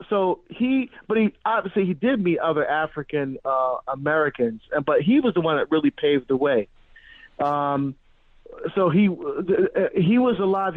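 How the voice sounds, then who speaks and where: A middle-aged man born in Barbados and raised in New Jersey, a guest on a radio interview, telling his story with animated restarts and many fillers. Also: fairly high pitch, no room sound. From born in Barbados, grew up in New Jersey. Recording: tinny phone-line sound, dry.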